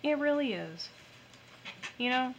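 A woman with a fairly high, bright voice talks frankly in a casual podcast conversation. She is chatty and supportive. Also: animated, takes it slowly, highs cut off, slight background noise. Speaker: podcast co-host. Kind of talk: casual chat.

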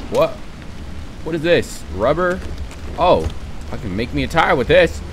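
A man casually commentating a game he plays, excitable, swearing and talking to himself. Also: fairly high pitch, a little slow, slight background noise. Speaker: gaming YouTuber. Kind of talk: casual let's-play commentary. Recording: game music playing under voice.

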